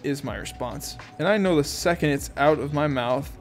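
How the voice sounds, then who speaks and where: A man's voice: on the high side, normal speed, soft background music. A man reading a novel aloud in first person, in a casual amateur audiobook style with asides and self-corrections. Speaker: audiobook reader.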